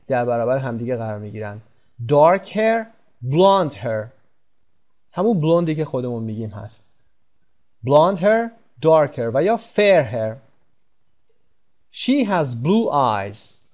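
A man teaching English vocabulary in a lesson, reading each English phrase slowly and explaining it quickly in Persian. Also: a little high, a little mellow. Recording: dull lo-fi recording.

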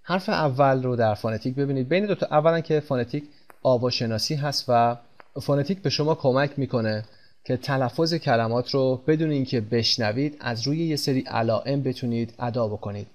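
A man teaching English pronunciation in Persian, speaking slowly and repeating example words with stress. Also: medium pitch. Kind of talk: pronunciation lesson.

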